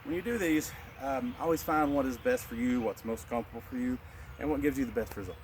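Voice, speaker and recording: A man teaching a martial arts qigong lesson, calmly cueing each breath and movement. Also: mid-range voice, quick pace, slight background noise. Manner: calm, instructive, cueing breaths. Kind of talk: guided qigong class.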